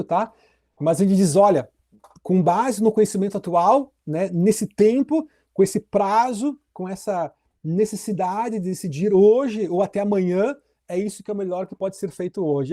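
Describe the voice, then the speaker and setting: Lecturing on legal theory, this middle-aged law professor has a mellow, warm voice that sits high for a man. He's conversational and easygoing, repeatedly turning to his students with short tag questions.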